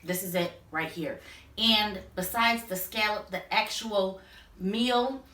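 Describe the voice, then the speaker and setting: Bright, chatty woman hosting a cooking vlog. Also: medium pitch, slow. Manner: chatty and enthusiastic, talks straight to viewers. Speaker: cooking show host. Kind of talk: casual cooking tutorial. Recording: echoey room, voice from a distance.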